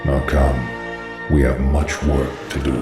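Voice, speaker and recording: Undead lich necromancer: echoing low voice, formal, solemn servant of demons, video game drama. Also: male voice, completely flat delivery, measured pace. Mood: sinister, composed. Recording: echoing voice under loud music.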